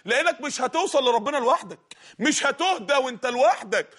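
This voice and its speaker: A man preaching a fervent sermon in an Egyptian Arabic accent, exhorting his listeners and sometimes shouting. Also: very high voice, expressive, quick pace. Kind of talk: impassioned sermon.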